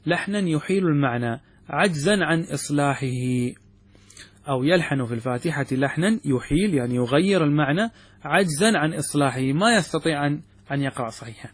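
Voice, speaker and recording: A man teaching religious law, explaining a text step by step and often asking his students whether it is clear. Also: fairly high pitch, lively intonation, fairly quick, no room sound. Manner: poses questions then answers them. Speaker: sheikh teaching Islamic jurisprudence. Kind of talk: classroom commentary on a text.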